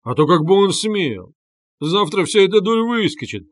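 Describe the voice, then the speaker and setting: A tipsy young man bursting with excitement, as a male reader puts him on, loud and rambling. The sound is close and dry, with no echo at all. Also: mid-range voice, a little slow, natural voice. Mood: boisterous. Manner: boisterous, rambling.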